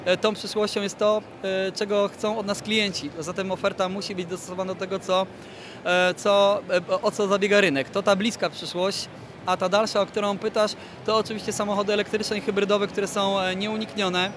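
This thirtysomething car brand PR manager, interviewed amid the noise of a large indoor car exhibition, promotes a product in a high-pitched voice with little pitch movement. His delivery is measured and full of long, drawn-out hesitations, captured by a handheld microphone pointed his way.

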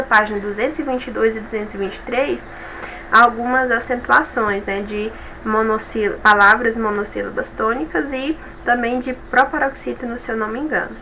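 A Brazilian Portuguese-speaking woman teaches a review class with a bright, clear voice set a little high. She explains step by step and keeps checking in with her listeners. A faint hum of background ambience sits under her voice. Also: poor audio. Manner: patient, explanatory, checks in with tags like "certo?" and "tá bom?". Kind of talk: online class review lesson.

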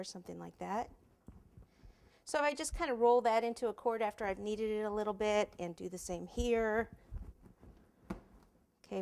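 In a relaxed cake decorating tutorial from her home kitchen, a woman in her forties talks as she works, chatty and thinking things through aloud. A lapel mic captures her mid-range, slightly mellow voice.

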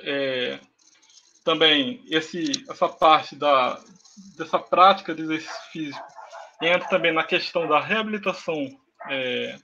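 A Brazilian man giving an online lecture over a video call, pausing often with filler sounds as he explains slides. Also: high-pitched, sharp tone, slight background noise. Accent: Brazilian Portuguese. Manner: hesitant, many filler sounds. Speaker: university lecturer. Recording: dull lo-fi video call audio.

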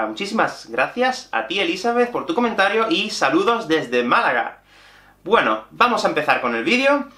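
A Spanish teacher from Spain leads an animated online lesson, gesturing constantly as he explains, and his voice sits on the high side. He's in a small room with a bookshelf and whiteboard, picked up by a camera at mid-shot distance, and the space sounds echoey.

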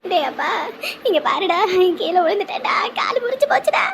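An actress playing an older scheming mother-in-law who fakes a painful fall, crying out loudly and theatrically. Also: very high voice, big pitch swings, brisk, a little hiss or hum, full character voice. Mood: fake pained. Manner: wailing, loud theatrical cries.

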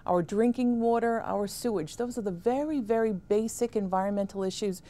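A woman in her fifties, a town supervisor answering questions in a studio interview, speaking in a measured, emphatic way on a lapel mic. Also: medium pitch, dark tone. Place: small studio set with armchairs.

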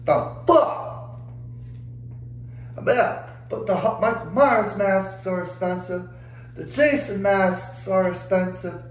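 Exasperated young guy ranting, cursing nonstop, high voice, faint hum behind. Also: a little slow, roomy sound, poor audio. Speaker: vlogger. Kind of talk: angry rant to camera.

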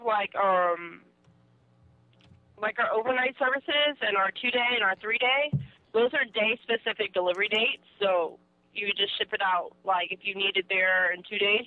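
A woman with a mid-range voice, speaking at a moderate pace with no room sound, works as a shipping customer service agent on a phone call. She's on the other end of the line, which sounds muffled and narrowband.

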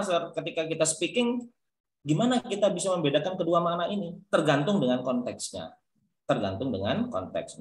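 A man's voice: mid-range voice, fairly bright tone, echoey room. A male lecturer teaching English pronunciation in an online class, calling on students by name and encouraging them. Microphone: video call.

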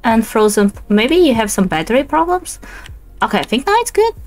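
A woman streamer chatting excitedly while playing a co-op game, exclaiming and laughing often. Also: fairly high pitch, a little fast. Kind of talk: casual gaming chat. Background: faint lo-fi background music.

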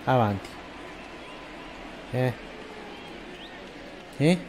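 A man's voice: medium pitch, expressive, very slow, a crowd in the background. A man casually commentating his own baseball video game, cheering, groaning and muttering to himself as he plays. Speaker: gaming YouTuber. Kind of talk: casual let's-play commentary.

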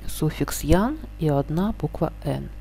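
A woman teaching a grammar lesson, stating each rule and then slowly and carefully sounding out the example words. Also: low-pitched, animated, vocal fry, warm tone, slight background noise.

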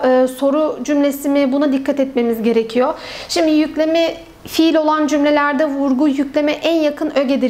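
A young woman teaching an online grammar lesson, who explains step by step and asks and answers her own questions. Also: high voice.

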